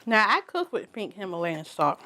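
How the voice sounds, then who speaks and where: A woman's voice: mid-range voice, very animated, moderate pace, sharp tone. A woman chatting casually on a snack review vlog, tasting as she talks and restarting her sentences. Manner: chatty, tasting food while talking, trailing restarts. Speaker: vlogger.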